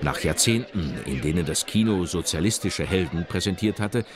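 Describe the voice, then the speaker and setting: Lively low-voiced male documentary narrator. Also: normal speed, crowd noise. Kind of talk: scripted narration. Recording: narration over loud music.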